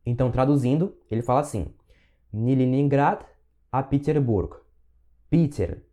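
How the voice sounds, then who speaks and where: Dark-voiced Carioca man teaching patiently. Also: mid-range voice. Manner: patient, repeats words slowly for learners. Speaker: Russian teacher. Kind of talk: language lesson.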